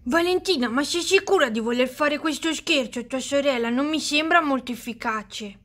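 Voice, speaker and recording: A woman's voice: high voice, normal speed, fairly bright tone. A woman voicing a confident, competitive teenage girl doll with a wry, skeptical manner in a doll-story role-play. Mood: doubtful.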